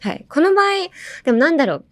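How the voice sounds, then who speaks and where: A woman's voice: high-pitched, sing-song, fast talker. Young woman, podcast host, casual lesson, chatty, explanatory, light laughter.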